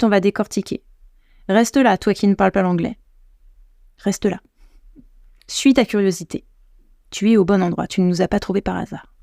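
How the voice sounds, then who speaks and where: A woman's voice: mid-range voice, creaky, dark tone, dry recording, studio quality. A woman from France hosting a podcast, talking in a casual, enthusiastic way and speaking straight to her listeners. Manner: enthusiastic, addresses listeners directly. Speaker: podcast host. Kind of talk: casual spoken podcast talk.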